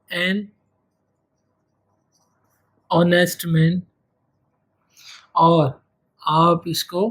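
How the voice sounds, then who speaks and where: A man giving an exam-prep grammar lecture, repeating key phrases and stretching out his example words. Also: high-pitched. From Pakistan. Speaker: English teacher.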